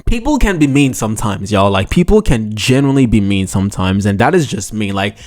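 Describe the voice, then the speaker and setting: A young man hosting a casual chat, reacting to rejection stories in an animated, exclaiming, slangy way. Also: on the low side, a little fast.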